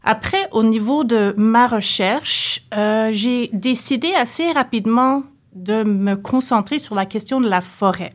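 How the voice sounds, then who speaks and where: A Canadian woman, a university professor, answering interview questions in a thoughtful, hesitant way with many pauses and fillers. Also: a little high. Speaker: sociology professor, guest. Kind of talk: academic interview.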